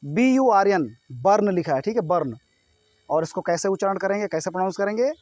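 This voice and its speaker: A man with an Indian accent teaches pronunciation in a video lesson, his voice sitting fairly high for a man. He repeats each word slowly and deliberately and keeps checking in with his students. The sound is dry and close, with almost no room in it. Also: lively intonation, darkish tone, no echo. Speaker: English teacher.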